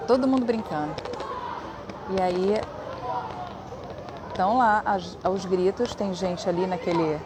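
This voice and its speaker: A Brazilian woman chats through a casual live stream, greeting her viewers by name in an easy, friendly way. She talks into a phone camera at home, and a lot of noise from children shouting and playing outside carries into the recording. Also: mid-range voice. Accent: Brazilian Portuguese. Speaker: livestream host. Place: home above a noisy schoolyard. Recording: noisy background of children shouting.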